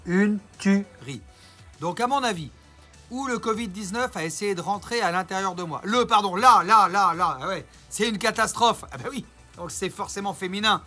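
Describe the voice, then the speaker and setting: A man's voice: high voice, moderate pace, pushed and bright, soft background music. A man ranting in a casual vlog, mocking and rambling, with theatrical asides to his viewers. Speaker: YouTuber.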